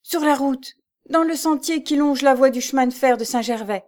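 A woman's voice: high-pitched, normal speed, darkish tone, voice pushed up, natural voice. A woman voicing a flustered elderly widow who talks urgently and out of breath, in an audiobook.

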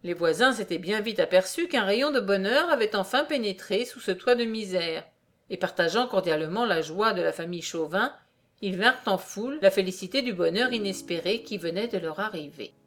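A woman reading an old-fashioned story aloud in a measured, formal way. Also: mid-range voice, lively intonation, a bit bright. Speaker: reader.

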